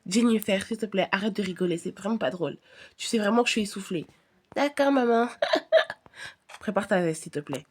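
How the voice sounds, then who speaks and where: A woman's voice: medium pitch, brisk, slightly rough. A woman vlogger narrating a family role-play and speaking as the mother in a casual, chatty way.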